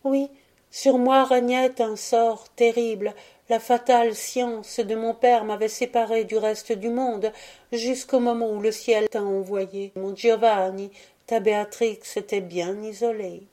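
A tender, pleading young girl, her grief held under a gentle voice, as a woman reading the story puts her on. The tone is raised and bright above the reader's own, yet stays mellow and soft. She sounds like a storybook heroine. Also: fairly high pitch, steady tone, a little slow, natural voice.

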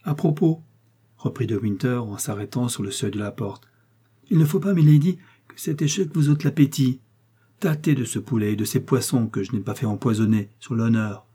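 A man's voice: mid-range voice, moderate pace, dark tone, husky. A man voicing a scornful nobleman who taunts his prisoner with laughing sarcasm, in an audiobook reading. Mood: taunting. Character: mocking English nobleman, scornful jailer.

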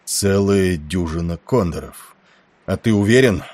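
A man reading the part of a gruff, impatient senior naval officer who barks orders. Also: deep voice, a little slow, a little mellow, dry recording. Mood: brusque.

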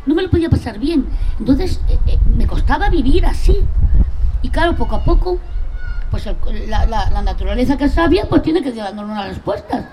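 A woman's voice: high voice, lively intonation, fairly quick, a crowd in the background. A middle-aged woman from Spain speaking earnestly and bluntly at a public talk, swearing casually. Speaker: panel speaker, mother of drug-affected children's group. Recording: noisy live talk recording.

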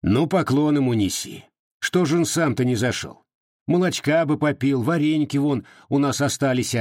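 A man voicing a sly, nosy old village widow in an audiobook, with folksy, mocking peasant speech and a husky tone. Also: medium pitch, moderate pace, a little mellow, no echo, clean studio sound, pitched above the performer's own voice, natural voice. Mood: scolding mockery. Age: over 60.

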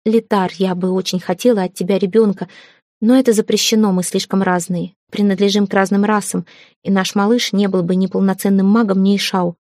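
Woman voicing a gentle young woman in love, soft and pleading, mellow tone, dry close sound. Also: mid-range voice, fairly even intonation, a little fast, no echo, natural voice. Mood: tearful. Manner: soft, pleading, near tears.

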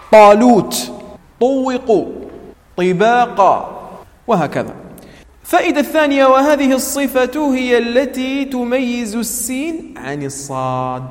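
A man teaching tajweed to a class. He repeats key terms, quizzes his students and recites Quranic words slowly as examples. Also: high voice, big-room sound. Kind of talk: classroom lecture.

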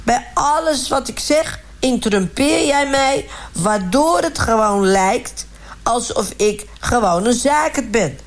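A woman's voice: on the high side, expressive, slow. A woman voicing a chatty, self-righteous middle-aged village man who rambles indignantly in a comic radio sketch. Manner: rambling, indignant, repeats "hartstikke" and "gewoon".

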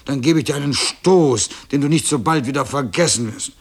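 A man's voice: mid-range voice, brisk, slightly rough. A man voicing the oldest and angriest cow in a read-aloud children's story, threatening and scolding. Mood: furious. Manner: angry, threatening.

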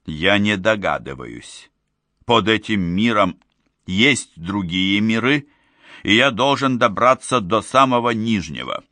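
Guy reading as an earnest young man, urgent and pleading, lowish bright voice, dry audiobook sound. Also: lively intonation, slow, no room sound, heavily acted.

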